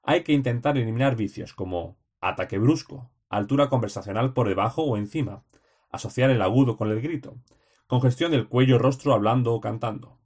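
A man's voice: medium pitch, a little fast, a little mellow, breathy edge. A man reading study notes aloud for a teaching exam, in terse, list-like phrases with short headings.

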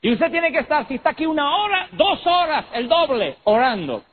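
A man doing a severe old preacher, high and insistent. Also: sing-song, brisk. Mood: insistent, admonishing. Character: stern old male pastor, demanding and severe. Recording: tinny lo-fi recording with faint noise.

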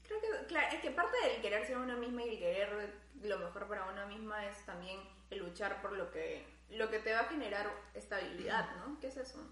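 A woman's voice: mid-range voice, lively intonation, fairly quick, hardly any pauses, fairly bright tone. A young woman, co-hosting a podcast and chiming in with agreeing, thoughtful remarks. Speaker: podcast co-host. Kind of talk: casual chat. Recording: roomy echo.

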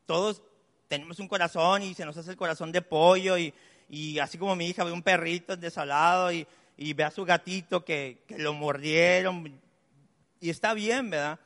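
A pastor whose voice is a little high and fairly bright speaks at normal speed from a church pulpit. His sermon is chatty and story-driven, with personal anecdotes and asides, heard through the long reverb of the church hall.

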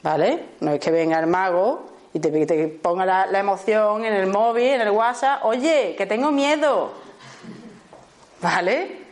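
A woman with a Spanish accent, teaching a small group in a lively way, acting out short exchanges and often checking in with her listeners. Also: mid-range voice, moderate pace, hardly any pauses. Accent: Spanish from Spain. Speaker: workshop teacher.

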